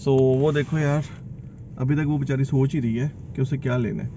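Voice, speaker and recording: A man's voice: mid-range voice, fairly even intonation, normal speed, background noise. A man in his thirties chatting casually as he vlogs, laughing often and mixing English phrases into his talk, filmed on a phone held at arm's length. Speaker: vlogger. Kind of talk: casual vlog chat. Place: busy cafe and parked car at night. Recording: dull phone audio, loud crowd.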